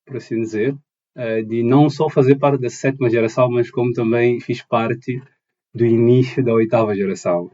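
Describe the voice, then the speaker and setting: Young man, dark muffled voice. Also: fairly low pitch. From Mozambique. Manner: thoughtful, searching for words with many restarts. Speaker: guest. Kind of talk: conversational interview answers.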